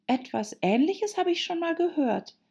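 A woman's voice: very high voice, sing-song, normal speed, vocal fry, darkish tone, highs cut off, voice pushed up, heavily acted. A woman voicing a curious, polite young girl with an earnest, questioning way of speaking. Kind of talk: audiobook character voice.

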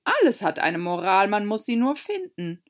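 A woman's voice: medium pitch, sing-song, moderate pace, voice pushed up, close to an everyday voice. A woman voicing a fussy, moralizing old Duchess with a pompous, sing-song manner. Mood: preachy.

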